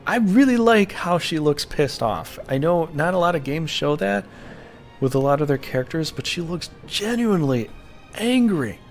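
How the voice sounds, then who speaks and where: A man's voice: a little high, expressive, moderate pace, soft background music. A young man streaming a game late at night, rambling casually about the game and his channel into a desk mic. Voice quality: rambling, self-deprecating, gravelly. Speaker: gaming streamer. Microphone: desk microphone.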